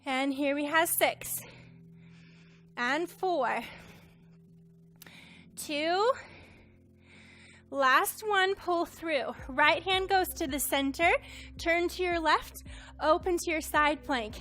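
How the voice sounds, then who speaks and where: A woman's voice: high voice, slow pace, pauses often, a bit bright. A woman instructor cueing a Pilates workout, counting reps and encouraging, a little out of breath. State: slightly out of breath.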